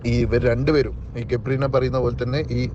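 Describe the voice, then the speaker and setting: A young man with a Malabar Malayalam accent leaving an informal voice message, explaining his side in a halting, repetitive, rambling way. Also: mid-range voice, little pitch movement, darkish tone. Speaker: ex-fiancé giving his side of a story. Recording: dull lo-fi voice note, clear outdoor noise.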